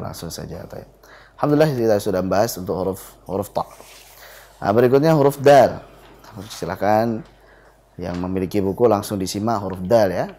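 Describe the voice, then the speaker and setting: A man with a deep, mellow tone teaches Quran recitation in a studio lesson. He stretches syllables out slowly to show each sound, then leads short call-and-response drills. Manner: demonstrates letter sounds in slow drawn-out syllables. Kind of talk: live televised recitation lesson. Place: television studio.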